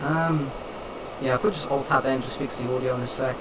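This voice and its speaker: A man's voice: medium pitch, fairly even intonation, brisk. Half-robotic doubled voice of a young man. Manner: rambling, filler-heavy chatter. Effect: half-robotic, doubled voice from the mic being captured twice. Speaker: gaming streamer. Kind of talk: casual gameplay commentary. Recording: distant mic with loud background noise.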